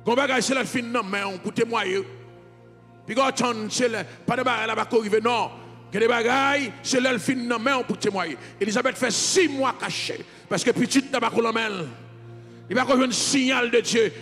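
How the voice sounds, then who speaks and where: A man's voice: very high voice, moderate pace, a bit bright. A man with a Haitian accent, a pastor preaching a fervent, sing-song sermon. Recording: reverberant hall with music behind.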